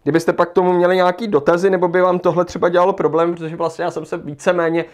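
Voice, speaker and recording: A man's voice: high voice, flat delivery. A man leading a livestreamed lesson, thinking aloud as he rereads passages and works through an exam task. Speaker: Czech language teacher.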